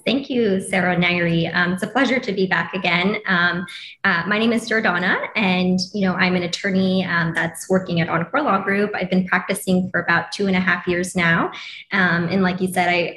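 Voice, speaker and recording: A woman attorney, a guest on an interview podcast, explaining things with frequent pauses and fillers. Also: on the low side, fairly bright tone. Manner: hesitant, many fillers. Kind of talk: casual interview. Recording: echoey room with faint noise.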